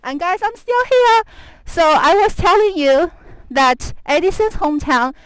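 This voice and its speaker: A woman's voice: extremely high pitch, lively intonation, unhurried, no room sound, rough recording. A woman hosting a live stream outdoors while walking on a snowy stretch of wall, chatting in a giggly, talkative way and switching between English and Mandarin. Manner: chatty and giggly, laughing often. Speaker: live stream host and guide on a walk. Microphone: handheld camera follows her while she walks.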